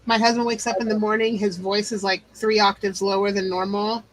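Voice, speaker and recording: A middle-aged woman hosting a casual live stream chat, animated and chatty. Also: medium pitch, fairly quick, poor audio. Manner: animated, chatty, says y'all. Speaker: channel host.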